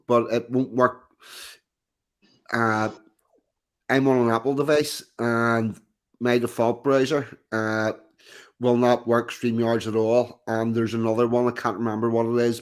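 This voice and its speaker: A man's voice: medium pitch, little pitch movement, measured pace. A man hosting a live online chat show, talking in an easygoing, hesitant way. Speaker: stream host. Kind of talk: casual chat.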